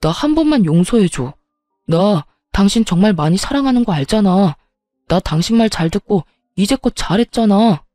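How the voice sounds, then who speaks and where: A woman's voice: mid-range voice, animated, moderate pace, warm tone, natural voice. Pleading cheating husband, read by a woman. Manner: begging, making excuses.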